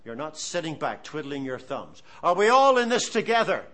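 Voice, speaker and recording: This sermon comes from a man from Ireland in his seventies whose voice sits on the high side and keeps a moderate pace. His delivery is lively and story-driven, full of earnest exhortation.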